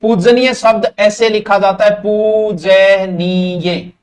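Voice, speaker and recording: A man's voice: sits high, moderate pace. A man with a Rajasthani accent teaching Hindi grammar in a live online exam-prep class, chatting with students directly and slipping into local dialect.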